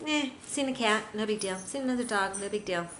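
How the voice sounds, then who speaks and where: An easygoing, shrugging pet dog that nothing can bother, put on by a woman mid-lesson. The voice is casual and unhurried, recorded in a roomy, echoey space. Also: mid-range voice, a bit bright, slight background noise, natural voice. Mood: nonchalant. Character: calm unbothered pet dog, inner voice. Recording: roomy echo.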